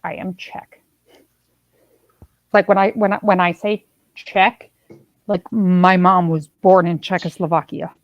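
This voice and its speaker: A woman's voice: on the low side, flat delivery, a little slow, long pauses, dry recording, muffled recording. A woman hosting a casual livestream chat, talking in a chatty, meandering way and often trailing off mid-sentence. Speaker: livestream host.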